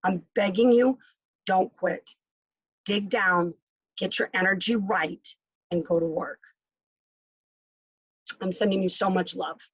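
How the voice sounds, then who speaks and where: A woman's voice: mid-range voice, steady tone, slow, long pauses, husky, no room sound, muffled recording. A middle-aged woman giving an emphatic motivational talk over a video call, repeating her key phrases. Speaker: guest speaker.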